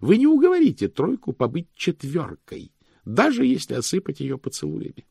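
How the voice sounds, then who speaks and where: A man's voice: high-pitched, huge pitch swings, normal speed, vocal fry, a little mellow, breathy edge, no room sound, studio quality, pitched above the performer's own voice, exaggerated voice. A man reading an audiobook, voicing a proud and exacting older male head cashier who lectures in a lofty, pompous way. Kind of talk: audiobook character voice.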